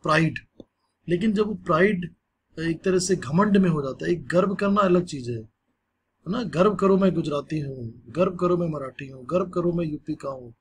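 A male teacher walks through a social studies lesson in a relaxed, conversational manner, slipping in English phrases. His voice is a little high, and there's a slight hiss or hum in the recording.

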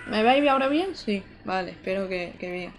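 A woman's voice: mid-range voice, expressive, normal speed, very noisy. A young woman, chatting to her viewers while playing a game live. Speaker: streamer. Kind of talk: live gameplay commentary.

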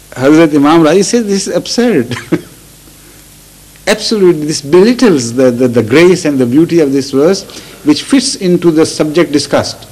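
Halting man giving a scripture lecture. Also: a little high, warm tone, slightly rough, rough recording. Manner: deliberate, with frequent restarts and repeated words. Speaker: religious teacher. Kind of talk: Quranic commentary lecture.

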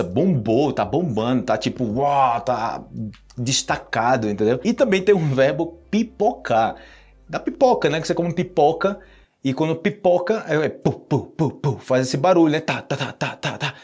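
A Brazilian man with a slightly husky, breathy voice teaches in a relaxed, chatty way. His pitch sits in an ordinary middle range, and he playfully mimics sounds to make his points. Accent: Brazilian Portuguese. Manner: playful, imitates sounds while explaining. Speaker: Portuguese teacher. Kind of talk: casual video lesson.

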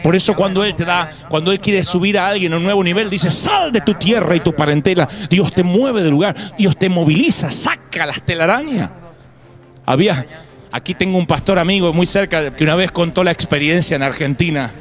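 A man's voice: sits high, a little fast. A man pastor preaching a live sermon to a congregation, emphatic and punctuated with humorous asides and acted quotes. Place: church before a congregation.

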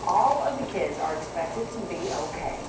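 A woman's voice: fairly low pitch, expressive, normal speed. A woman reading scripted television news as an anchor. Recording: distant TV in echoey, noisy room.

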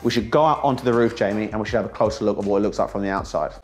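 A man in his thirties hosts a casual vlog, joking and chatting enthusiastically as he walks through a warehouse under construction. His voice is lowish and a little mellow, and he speaks in rapid-fire fashion.

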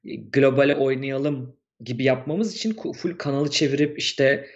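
Guy chatting on a podcast, mid pitch, kinda dull lo-fi audio. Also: normal speed. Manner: chatty, reads viewer messages aloud. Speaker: co-host. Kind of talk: casual podcast chat.

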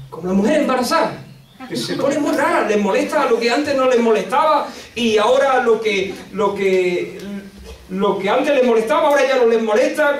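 A man from Spain with a Spanish accent preaching a sermon at a church retreat, dramatic, swinging between loud outbursts and hushed lines. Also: high-pitched. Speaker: pastor. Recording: echoey room, distant mic.

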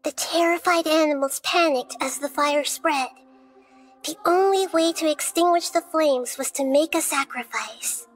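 In a soft, high, girlish voice, a small childlike goddess speaks with measured, storybook pacing over background music. She comes across as gentle, wise, and composed, thoughtful and articulate as she delivers video game dialogue and fairy-tale narration.

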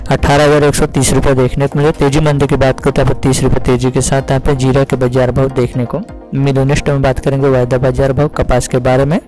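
Rattling off commodity prices in a fast, repetitive scripted style, an Indian man hosts a farm market report. He has a medium-pitched, slightly mellow voice, and the recording is rough.

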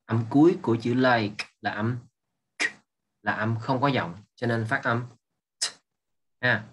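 Slow, husky male teacher. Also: medium pitch, a bit bright. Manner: patient, repeating words and asking if students follow. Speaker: English teacher. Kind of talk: exam review lesson.

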